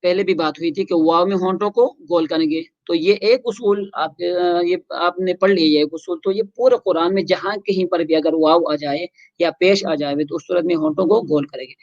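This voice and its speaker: A Quran recitation teacher running a tajweed lesson, chanting syllables slowly in drills and explaining rules in quick asides. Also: mid-range voice, steady tone, no room sound. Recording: dull lo-fi recording.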